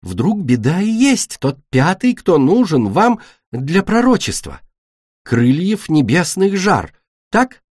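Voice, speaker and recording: A man's voice: on the high side, sing-song, slow pace, darkish tone, slightly rough, dry recording, clean studio sound, voice pushed up, full character voice. A man playing an aloof, dreamy young dragoness. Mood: offhand. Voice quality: offhand, teasing.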